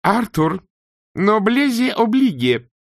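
A commanding vampire wife snaps orders in a high, swooping voice, as a male narrator puts her on. She scolds imperiously. The sound is dry and close. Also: very animated, slow, gravelly, no echo, full character voice. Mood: bossy.

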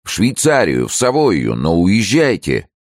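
A man's voice: very deep voice, sing-song, normal speed, no echo, studio quality, voice pushed up, heavily acted. A man voicing an eager, loyal male adviser in an audiobook, urging and persuading with rousing pleas. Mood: urgent. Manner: urgent, rousing pleading. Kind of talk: audiobook character reading.

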